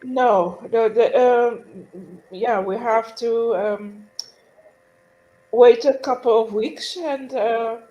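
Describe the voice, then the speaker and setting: A woman co-hosting a casual live-stream chat, speaking hesitantly with many pauses over a video call. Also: fairly high pitch, dark tone, muffled recording. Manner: hesitant, many fillers and restarts.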